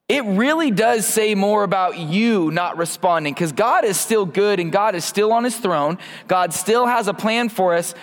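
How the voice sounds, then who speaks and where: In a church hall, a mic-wearing preacher in his thirties leads an informal sermon and prayer, casual and quick to laugh at himself, often beginning sentences again. His voice sits high, and the room adds a long reverb tail.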